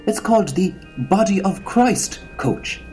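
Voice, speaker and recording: A man's voice: sits high, animated, unhurried, darkish tone, soft background music. A man voicing a prim, sardonic parish priest in a comedy sketch, patient and mildly scolding. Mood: dry, scolding.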